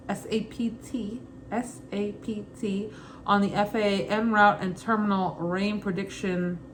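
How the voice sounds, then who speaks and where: In her home kitchen, a young adult woman with a Brooklyn accent and a mid-range voice reads aloud from an exam guide as a student pilot. She goes haltingly and informally, tossing in casual asides, and the room ambience is clearly noisy.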